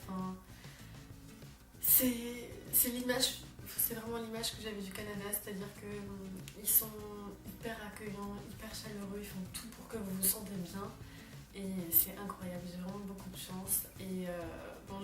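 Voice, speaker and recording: A young woman in her late teens vlogging casually about her exchange year, chatty with lots of fillers and restarts. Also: mid-range voice. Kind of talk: casual chat to camera. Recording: roomy, distant mic, background music.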